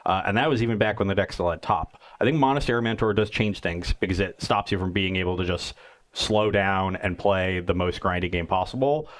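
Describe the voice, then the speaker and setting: A man with a fairly low voice co-hosts a card game match. He breaks down strategy in long, steady, analytical explanations, in a casual tone. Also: fairly quick.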